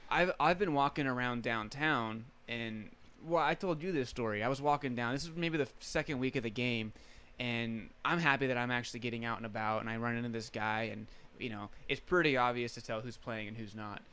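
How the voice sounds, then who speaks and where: A man's voice: mid-range voice, brisk, pushed and bright, clean tone. A young man co-hosting a casual podcast, telling stories in an easygoing way and laughing often. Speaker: podcast co-host. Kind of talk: casual chat.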